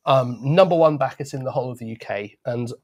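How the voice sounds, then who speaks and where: A man's voice: medium pitch, fast, darkish tone. Enthusiastic man explaining wine in conversation.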